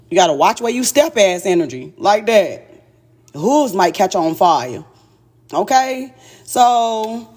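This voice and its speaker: A woman giving a live tarot reading, telling it in an animated, slangy way with frequent exclamations and laughter. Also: mid-range voice. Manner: casual slangy storytelling. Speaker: tarot reader.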